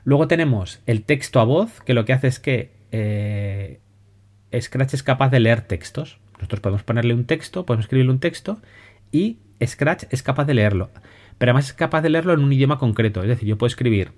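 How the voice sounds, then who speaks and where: A man with a Spain Spanish accent hosts a podcast, explaining educational software in a casual, conversational way, often restarting phrases and checking in with listeners. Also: medium pitch, brisk. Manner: relaxed, conversational, many restarts and "¿vale?" checks.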